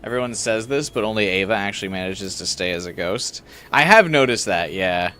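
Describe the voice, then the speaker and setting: This gameplay streamer speaks with a lowish voice that's animated, brisk, bright and forceful. Over some background noise, he mixes casual, irreverent commentary with reading the game's story text aloud.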